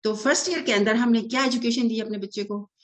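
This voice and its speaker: A woman's voice: a little high, fairly even intonation, fast talker. Earnest woman explaining child development. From Pakistan. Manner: earnest, mixes many English terms, frequent hesitations. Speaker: early childhood development expert. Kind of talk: explanatory interview answer.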